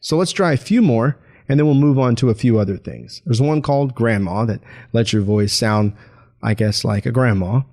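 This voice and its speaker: A man's voice: medium pitch, moderate pace, darkish tone. Upbeat man demoing streaming gear. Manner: upbeat, chatty, chuckles often. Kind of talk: casual product demo.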